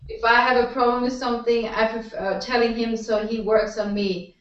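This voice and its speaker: A woman, the guest's partner, speaking quietly and relaxed in a casual chat, recorded as a distant, echoey, slightly dull sound. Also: on the high side, a little fast.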